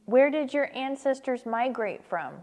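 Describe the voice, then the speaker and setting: A woman with a slightly high voice acts as the interviewer for an oral history. She puts prepared questions plainly, one after another. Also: animated, measured pace, darkish tone.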